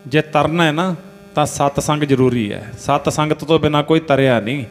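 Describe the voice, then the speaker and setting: A man preaching a religious sermon, telling a story and breaking into slow chanted verses. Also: a little high. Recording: reverberant hall with faint music.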